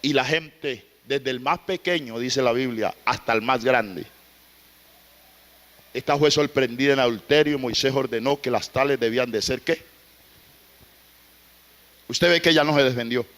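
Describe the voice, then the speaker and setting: A man preaching an impassioned sermon, swinging from loud exclamations to hushed, pleading asides. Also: medium pitch, normal speed, long pauses.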